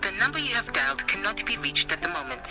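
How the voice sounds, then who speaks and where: An automated network announcement played as a recorded phone message through a phone speaker, with a flat, scripted and repetitive delivery. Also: medium pitch, fast, creaky. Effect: recorded phone network message played over a phone speaker. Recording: distant phone speaker under loud music.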